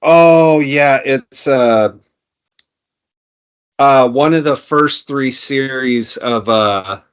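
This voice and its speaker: A man co-hosting a casual podcast, quick to correct himself and poke fun at his own mistakes. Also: mid-range voice, clear, resonant tone, dull audio. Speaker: podcast co-host. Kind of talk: casual podcast review chat.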